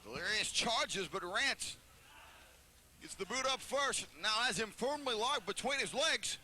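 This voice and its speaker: A man with a very high, sharp voice calls wrestling play-by-play. He is excitable and names moves in clipped phrases, with faint venue ambience behind him. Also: a little slow, slight background noise. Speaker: wrestling commentator. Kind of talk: play-by-play sports commentary.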